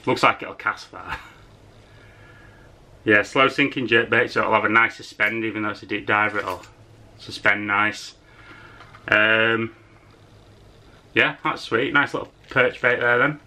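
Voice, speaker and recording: A fishing vlogger in his twenties unboxes fishing lures in a small room at home, talking directly to a camera on his desk. His lowish voice is bright and forceful, and he speaks at a measured pace with long pauses, easygoing, enthusiastic and chatty with plenty of fillers.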